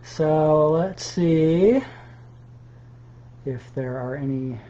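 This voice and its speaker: A man with a measured, deliberate delivery that leaves pauses, speaking as a poet sharing his own work in an informal setting. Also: a little high, dark tone, highs cut off, slight background noise. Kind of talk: slow poetry reading with informal spoken commentary.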